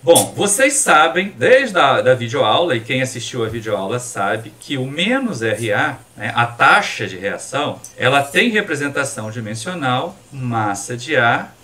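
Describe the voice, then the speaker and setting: A man's voice: mid-range voice, a little slow, few pauses. A male chemical engineering professor with a Minas Gerais accent, lecturing live in a classroom and quizzing his students. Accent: Minas Gerais Portuguese. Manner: animated, quizzing students with questions. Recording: distant mic in a classroom.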